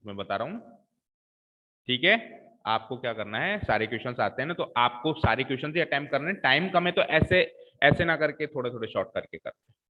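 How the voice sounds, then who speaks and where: A man's voice: mid-range voice, lively intonation, a little fast. A male maths teacher walks his students through a geometry solution one step at a time. He keeps checking that they are following him as he goes. The recording is thin and tinny, like a phone line. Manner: talks students through each step, coaxing with "ठीक है". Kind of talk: blackboard maths lesson.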